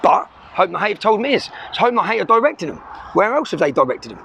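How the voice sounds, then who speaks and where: This middle-aged male vlogger addresses the camera from inside a car, urgent and emphatic, ending his lines with "yeah?" in an impassioned talk. His voice is high, creaky and a bit bright, swinging widely in pitch at a fast clip. The camera filming in the car picks up slight background noise.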